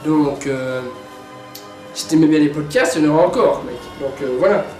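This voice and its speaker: Chatty high-voiced young man, echoey room. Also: moderate pace, darkish tone, soft background music. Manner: chatty, jokey, repeats words. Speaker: YouTuber reviewing his own videos. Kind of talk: casual vlog chat.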